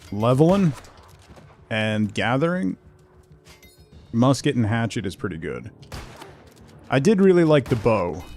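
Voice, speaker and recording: A game streamer hosts a casual, rambling livestream, talking conversationally with viewers and reading chat and game text aloud. His voice is medium-pitched and darkish, with slight background noise.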